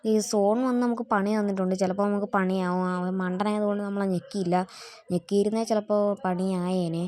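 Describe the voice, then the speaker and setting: A woman's voice: mid-range voice, fairly even intonation, quick pace, mellow, dry recording. A woman hosting a gaming channel, giving casual gameplay commentary and chatting to viewers as she plays. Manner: chatty, keeps addressing viewers as guys.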